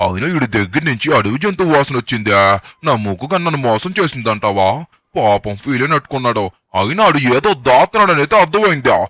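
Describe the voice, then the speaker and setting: A man's voice: mid-range voice, big pitch swings, fast talker, fairly bright tone, no room sound, voice pushed down. A man voicing a nosy, suspicious dog who fancies himself a detective, talking in a nagging, bossy way. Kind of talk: gameplay story voice-over.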